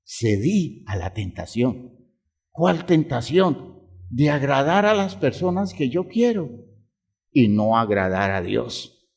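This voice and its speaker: A man's voice: mid-range voice, very animated, takes it slowly, vocal fry, darkish tone. A man preaching a sermon as a pastor, drawing out phrases for emphasis and asking the congregation rhetorical questions.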